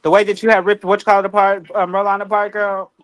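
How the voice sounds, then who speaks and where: A man's voice: sits high, little pitch movement, fast talker, a bit bright, no room sound. A man around thirty in casual chat, playful and teasing, laughing easily. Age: 30s.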